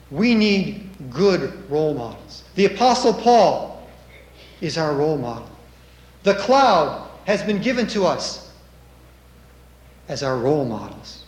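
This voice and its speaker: Slow, high-voiced preacher in an echoey room. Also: male voice. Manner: measured, emphatic delivery with dramatic rises. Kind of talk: sermon with scripture reading.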